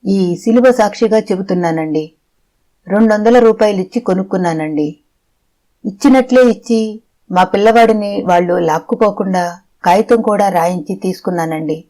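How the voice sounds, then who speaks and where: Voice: mid-range voice, a little mellow, lightly acted. A narrator of an audiobook voicing a frightened grey-haired old woman who presses out each word with effort. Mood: pleading. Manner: slow, pressed words pulled together with effort.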